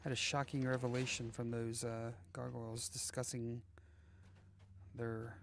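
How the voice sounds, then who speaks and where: A man running a casual live game stream, thinking out loud in a rambling, joking way and tripping over his own sentences. His voice sits at a middling pitch for a man, with a faint hum of background noise behind him. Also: completely flat delivery, unhurried. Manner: rambling, joking, thinking aloud with many restarts.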